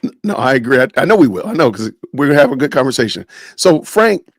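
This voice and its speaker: A man's voice: medium pitch, big pitch swings, fast talker, dry recording. A man hosting a live stream podcast, casual and joking, often saying "man" and "y'all", talking over a video call. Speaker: podcast host.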